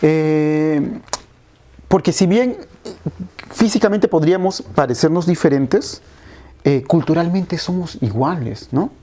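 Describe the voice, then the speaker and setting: A man's voice: a little high, slow pace, pauses often, warm tone, slight background noise. A man with a Peruvian accent, a history teacher hosting a casual interview, who hesitates, repeats words and drops in short agreements. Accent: Peruvian Spanish. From Peru.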